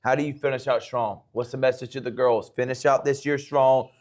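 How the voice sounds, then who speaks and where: A man's voice: medium pitch, fairly even intonation, brisk, darkish tone. Chatty American male sports show host. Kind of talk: local sports coaches show interview.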